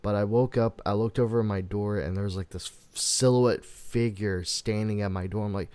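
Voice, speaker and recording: A man's voice: lowish voice, fairly even intonation, a little mellow, clean tone, no echo. A young man hosting a casual podcast, rambling through stories with frequent laughs. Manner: rambling, laughs often, tells stories slowly. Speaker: podcast host. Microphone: headphones and desk mic.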